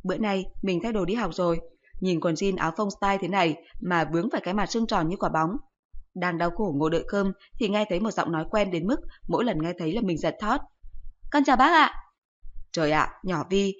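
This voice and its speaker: A woman narrating a first-person comic story in a lively, self-pitying storytelling manner. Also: fairly low pitch, muffled recording.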